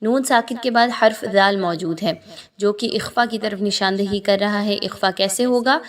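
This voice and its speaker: A woman giving a Quran tajweed lesson, patiently explaining pronunciation rules and then reciting words slowly and drawn out as examples. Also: medium pitch.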